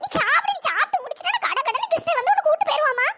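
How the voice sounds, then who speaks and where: A very high, bright, pitch-raised cartoon grandmother, as a voice actor plays her, fretful and full of wailing cries. She coaxes and soothes in a sing-song way, then laments at length. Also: sing-song, racing, exaggerated voice. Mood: soothing. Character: grieving old grandmother, fretful and coaxing. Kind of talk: cartoon storytelling dialogue.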